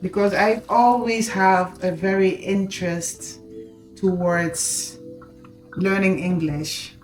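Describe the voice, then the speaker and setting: In an echoey home kitchen with music in the background, a Dutch woman from the Netherlands cooks and chats casually with her viewers. Her mid-range voice is fairly even and slow, with a Dutch accent; Dutch is her first language, and she's an adult with children. She speaks to viewers directly and mixes in Dutch words.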